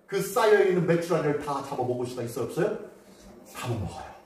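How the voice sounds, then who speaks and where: A male pastor preaching a Sunday sermon, telling the story in a lively way and asking the congregation questions. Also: fairly high pitch, fast talker, far from the mic. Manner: animated storytelling, acts out quotes and asks the congregation questions. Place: church sanctuary. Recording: very echoey hall, voice from afar.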